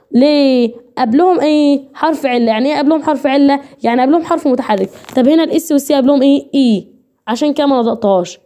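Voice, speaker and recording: Addressing her students directly, this English teacher drills every point through repetition during an online lecture. She speaks with an Egyptian Arabic accent in a high, dark-toned voice.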